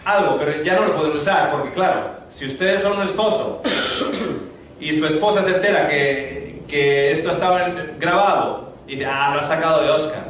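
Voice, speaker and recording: Man, preacher, high voice, humorous sermon, very echoey hall, faint noise. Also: moderate pace, recorded from a distance. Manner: humorous storytelling, lively preaching to a congregation. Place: large hall before a congregation.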